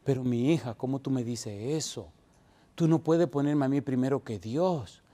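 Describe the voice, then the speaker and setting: A man's voice: mid-range voice, normal speed, mellow, lightly acted. A man voicing an elderly father near ninety who pleads with his daughter, emotional and tender. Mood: pleading, tearful. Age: older.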